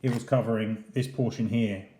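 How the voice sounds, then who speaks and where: A channel host who reviews model airports speaks in a lowish, mellow voice at normal speed with fairly even intonation. He hosts a casual unboxing, talking in a conversational, explanatory way, and the room sounds roomy and echoey.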